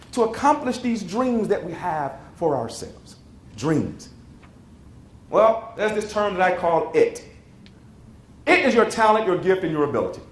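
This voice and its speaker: A man in his forties from Chicago, giving a motivational keynote in a conference hall, dramatic and acting out the voices. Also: high-pitched. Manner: dramatic, acts out quotes, asks the audience. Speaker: keynote speaker. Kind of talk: motivational speech, storytelling. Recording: roomy hall with faint noise.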